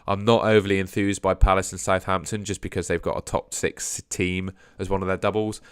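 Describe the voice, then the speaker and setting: Answering viewers casually on his fantasy football livestream, a young man speaks low and a bit hoarse, his sore throat making him lose his voice. His lines are full of hedges and quietly drop away at the end, recorded dry with studio quality.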